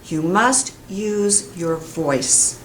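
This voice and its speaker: A middle-aged pronunciation teacher from the US speaks in a fairly low voice, carefully and emphatically enunciating sounds and words for a lesson aimed at the camera. She's recorded in a small classroom with a whiteboard by a camera mic set at a distance, so the audio is roomy with a little noise.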